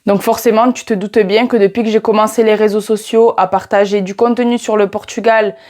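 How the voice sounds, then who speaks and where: A French woman in her twenties with a southern French accent chats casually to camera about teaching Portuguese, often turning to the viewer with "tu vois." Her mid-range voice is steady, brisk, and a little mellow.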